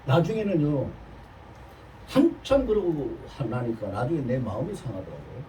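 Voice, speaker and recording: A man's voice: medium pitch, big pitch swings, normal speed, warm tone. A pastor in his seventies giving a sermon, telling a personal story in an earnest, confessional way. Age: 70s. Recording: distant mic, faint noise.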